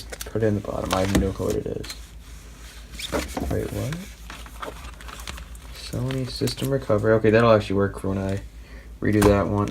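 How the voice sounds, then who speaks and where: A tech hobbyist host with a low, gravelly voice unboxes and builds a PC, offering casual commentary. He rambles and hesitates as if thinking aloud, and the home recording is noisy.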